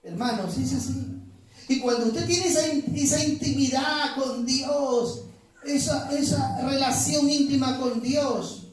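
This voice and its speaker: A man's voice: very high-pitched, takes it slowly. A male pastor preaching a sermon, emphatic, asking the congregation questions. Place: church. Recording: echoey church hall from far off.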